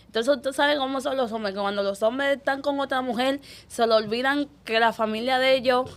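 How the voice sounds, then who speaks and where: A young woman, telling her life story as an interview guest, quick and animated, acting out the people she quotes. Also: high-pitched. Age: young adult. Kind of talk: emotional personal storytelling.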